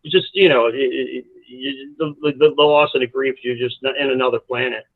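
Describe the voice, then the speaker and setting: A man's voice: mid-range voice, fairly quick, dry recording. Man telling stories over a tinny line. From South Jersey, USA. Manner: animated, rambling anecdotes with many restarts. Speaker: college soccer coach, guest. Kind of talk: casual storytelling interview. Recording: dry, tinny phone-like line.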